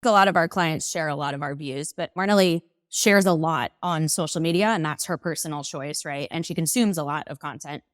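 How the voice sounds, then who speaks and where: A woman who co-owns a business, speaking in a measured, reflective way as an interview guest, often checking in with "you know" and "right?". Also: low-pitched, dry recording. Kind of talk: casual conversational interview.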